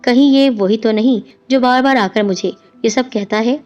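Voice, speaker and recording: A woman voicing a worried young husband who speaks calmly and soothingly. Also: fairly high pitch, lightly acted. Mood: uneasy. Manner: calm, soothing. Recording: dull lo-fi with music behind.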